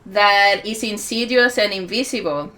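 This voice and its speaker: A woman in her forties with a Puerto Rican accent, giving a reflective conference talk with many pauses. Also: medium pitch, bright, forceful tone. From Puerto Rico. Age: 40s. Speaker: musician and healer speaking at a conference.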